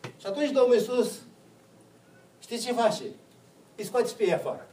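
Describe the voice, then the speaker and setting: A man's voice: very high-pitched, warm tone, echoey room, recorded from a distance, rough recording. A man preaching a sermon, putting questions to the congregation and answering them himself.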